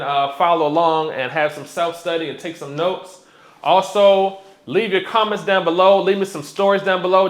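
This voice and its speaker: A man, hosting a casual explainer vlog and talking directly with plenty of fillers. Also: high-pitched. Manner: animated, direct, lots of fillers. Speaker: YouTube host. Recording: echoey room.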